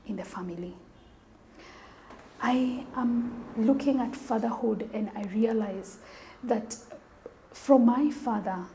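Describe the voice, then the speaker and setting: A woman, a mental health practitioner giving an earnest, reflective talk on fatherhood, often trailing off into a soft near-whisper. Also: medium pitch, vocal fry, slight background noise.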